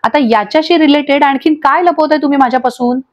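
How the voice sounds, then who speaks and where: A woman's voice: high voice, fast, dull audio, natural voice. A woman voicing a distraught young wife who pleads and accuses through tears in a storybook recap. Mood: tearful, angry. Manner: pleading, accusing, breaking into sobs.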